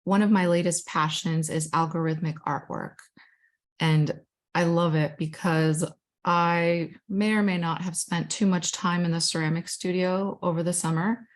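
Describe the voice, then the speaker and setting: A young Guatemalan woman who works as a digital storytelling manager, and whose first language is Spanish, enthusiastically and casually presents her own artwork with self-deprecating asides. Her lowish voice is steady and a little slow.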